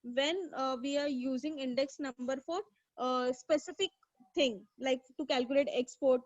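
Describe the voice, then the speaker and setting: A woman's voice: high-pitched, a little mellow, no room sound. A woman teaching an online economics class, quizzing students and praising them by name. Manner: asks questions and praises students by name from chat. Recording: dull, dry lo-fi mic.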